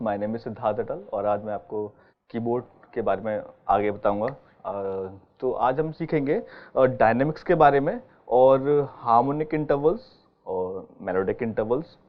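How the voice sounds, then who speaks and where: A man's voice: medium pitch, measured pace. A man teaching an online keyboard lesson, explaining step by step and often checking that his students follow. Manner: patient, explaining step by step with frequent check-ins. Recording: dull lo-fi sound with keyboard playing behind.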